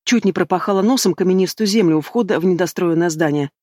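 A man narrating an audiobook in a measured, even reading style, close to the mic. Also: high-pitched, no room sound. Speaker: audiobook reader. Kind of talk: scripted narration.

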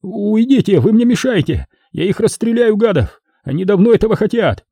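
A man voicing a shrill, vicious male militia commander in an audiobook, yelling threats in a screeching voice. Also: animated, normal speed, husky, no room sound, exaggerated voice. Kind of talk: audiobook reading.

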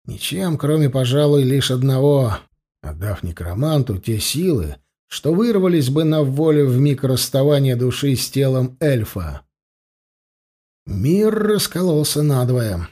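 Mellow-voiced male fantasy audiobook narrator. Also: mid-range voice, sing-song, measured pace.

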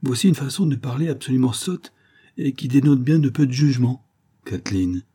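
A stern elderly guardian lady, read by a man in a raised, higher voice that snaps out each complaint. She is loud and sharp-tongued, and her dark, husky timbre still shows under the put-on pitch. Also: normal speed, natural voice. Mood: disapproving. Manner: harsh, disapproving tone. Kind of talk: audiobook reading.

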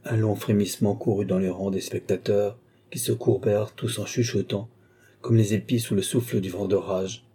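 A man reading a classic novel aloud as an audiobook narrator, lifting his pitch to voice the characters' dialogue. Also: steady tone, normal speed, mellow, husky. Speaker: audiobook reader.

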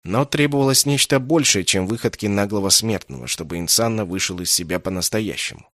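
Man, audiobook narrator, low voice, dry close read. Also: brisk, fairly bright tone, no echo. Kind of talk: scripted literary narration.

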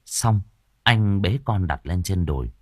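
Lively low-voiced male storyteller. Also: measured pace, no room sound, clean studio sound. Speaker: audiobook narrator. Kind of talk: storytelling narration.

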